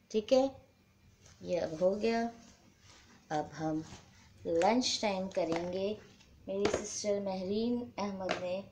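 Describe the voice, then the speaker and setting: Very slow, dark-voiced woman spelling words. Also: mid-range voice. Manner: repeats and spells out each word letter by letter. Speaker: home tutor teaching children. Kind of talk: slow dictation-style lesson.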